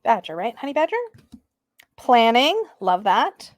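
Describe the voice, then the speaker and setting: Gushing, excitable woman reviewing tarot decks. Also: on the high side, a little slow, no echo. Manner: gushing, excitable, drifts into soft murmurs. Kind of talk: casual deck flip-through chat.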